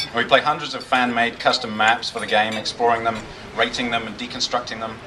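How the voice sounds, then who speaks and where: Speaking a little fast with flat delivery and medium pitch, the best man offers a jokey wedding toast built on dry, self-deprecating humor. Crowd noise and guests surround him at the reception, captured by a far-off mic in the busy room.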